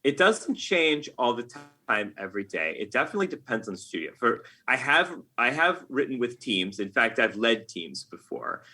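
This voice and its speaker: A video game writer from the US, interviewed on a podcast, speaks at a medium pitch with big swings, a moderate pace, and few pauses. His tone is bright and forceful. He answers conversationally, often retracing his steps to reword explanations.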